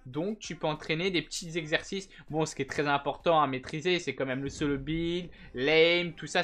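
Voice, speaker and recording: A young man hosting a gaming channel, giving a casual gameplay tutorial in a slangy, chatty way with bursts of excited shouting. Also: fairly high pitch.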